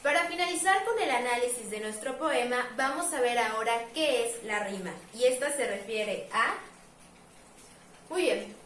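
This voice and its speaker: A woman teaching, patiently explaining at a board, saying example words slowly and repeating them. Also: fairly high pitch, lively intonation, fairly bright tone, a little hiss or hum. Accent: Mexican Spanish. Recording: echoey room, voice from a distance.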